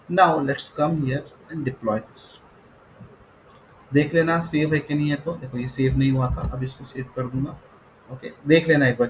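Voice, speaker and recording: A coding instructor teaches a screen-recorded tutorial in a mix of Hindi and English, often saying "okay" and spelling words out letter by letter. His voice is medium-pitched, and the low-quality recording carries a little hiss or hum.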